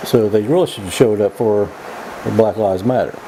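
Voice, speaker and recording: A man giving a casual, opinionated vlog monologue in a folksy, halting way, often repeating his words as he goes. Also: on the low side, background noise. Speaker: vlog host. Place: indoors.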